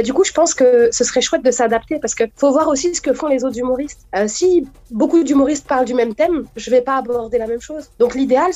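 A woman from France, a comedian, chatting lively in a radio interview. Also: high voice, lo-fi sound.

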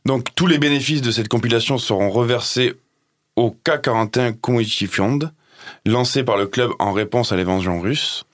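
A man's voice: medium pitch, moderate pace, no room sound, clean studio sound. A man presenting music news on a casual radio show, chatty, with many fillers and restarts.

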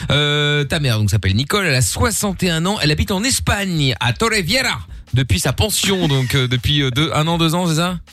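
A man's voice: fairly high pitch, expressive, brisk, hardly any pauses, fairly bright tone, soft background music. A man hosting a late-night call-in radio show, joking casually with lots of fillers.

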